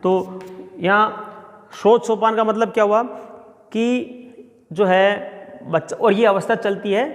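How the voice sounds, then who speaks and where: A man's voice: high voice, fairly even intonation, slow pace, long pauses. Lecturing man in a reverberant room. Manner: explains step by step with everyday examples. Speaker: sociology professor. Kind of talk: classroom lecture. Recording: long reverb.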